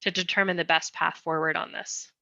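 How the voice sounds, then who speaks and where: A woman leads a community meeting presentation, explaining design ideas with careful, patient steps. Her voice is bright and a little low. The sound is dry and dull, like a lo-fi video call. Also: fairly even intonation, gravelly, dry recording. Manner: explanatory, careful, slowing down on request.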